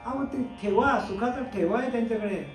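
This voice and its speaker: High-voiced man giving a devotional discourse. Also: reverberant, faint music behind. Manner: rhetorical questions, then answers them; chants verses slowly. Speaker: spiritual teacher.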